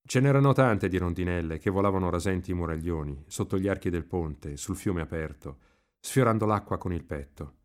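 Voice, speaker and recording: A man reading a novel aloud in an expressive, lively literary narration. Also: deep voice, fairly quick. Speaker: reader.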